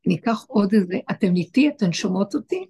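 A woman's voice: mid-range voice, expressive, dark tone, husky. A woman giving an impassioned spiritual teaching to a group, repeating her phrases for emphasis. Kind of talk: Torah teaching to an online group.

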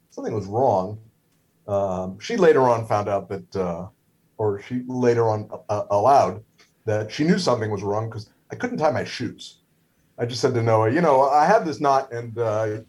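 Husky and a little mellow in a mid-range voice, this middle-aged native Hebrew speaker, a stroke survivor appearing as a guest, spins a story loosely with plenty of fillers, false starts and dry wit.

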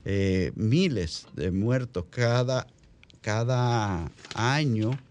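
A man with a Dominican Caribbean Spanish accent hosting a radio talk show in an unscripted way, halting and repeating phrases as he explains. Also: lowish voice, darkish tone, a little hiss or hum.

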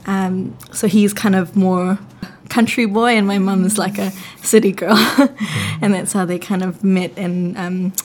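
A woman's voice: medium pitch, fairly even intonation, unhurried, hardly any pauses, darkish tone. A woman from the Philippines, chatting openly as a podcast guest and thinking aloud as she speaks. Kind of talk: casual interview chat.

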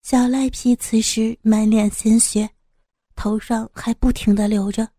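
Mellow woman narrating a dramatic audiobook. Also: on the high side, a little slow, no room sound, studio quality. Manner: steady, vivid, suspenseful reading. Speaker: storyteller.

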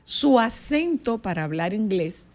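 Woman, radio host, chatty, prompting questions, mid-range pitch. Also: very animated, a little slow, a little mellow, faint music behind. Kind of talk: radio interview.

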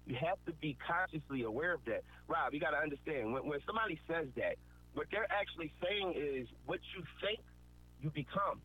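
A man's voice: a little high, animated, brisk. A man giving an earnest, preachy motivational talk, repeating points for emphasis. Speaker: motivational speaker. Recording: tinny phone-like line with faint noise.

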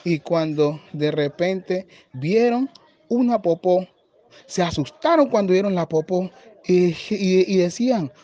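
A storyteller reading a children's folk tale aloud, slow and very expressive, on a dull lo-fi recording. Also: mid-range voice.

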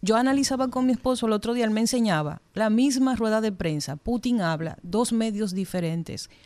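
Female panelist, mellow medium-pitched voice, earnest and articulate, closely recorded dry sound. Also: fairly quick, dry recording. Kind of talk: panel discussion, earnest opinion.

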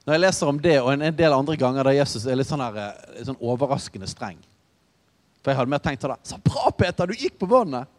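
Male preacher, chatty storytelling sermon, mid-pitched voice, long hall reverb. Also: a little mellow. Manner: conversational, storytelling with asides.

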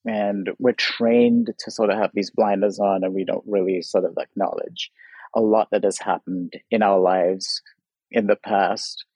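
A husky, slightly low-voiced man in his fifties talks through an interview in a thoughtful, earnest way. His voice is recorded close and dry, with no room around it. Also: fairly even intonation, a little slow, a little mellow, dry recording, poor audio. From Trinidad. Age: 50s. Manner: thoughtful, earnest, leans on "sort of" and "you know". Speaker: guest artist. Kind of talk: reflective interview talk.

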